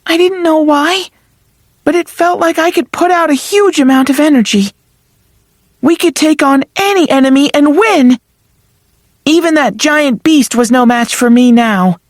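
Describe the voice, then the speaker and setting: A woman narrating an audiobook in first person, soft and earnest. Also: high voice, measured pace, dry recording, clean studio sound.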